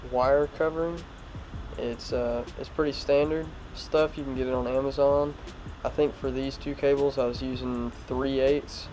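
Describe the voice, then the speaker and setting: The recording quality is poor, with music in the background, as a young man with a mid-range voice and a blocked nose narrates his garage vlog. He casually walks through his truck project, speaking plainly and dropping in fillers.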